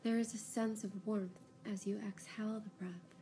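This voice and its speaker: This is a woman's voice leading yoga nidra, soft at the edges and at ease. She soothes the listener calmly, taking her time between directions, and a low, faint rumble hangs in the background.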